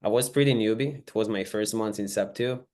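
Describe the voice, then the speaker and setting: Israeli-accented young man, low voice. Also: fairly quick, a little mellow. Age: 20s. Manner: eager, non-native phrasing with fillers. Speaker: guest, real estate investor. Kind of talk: casual podcast interview. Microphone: video call.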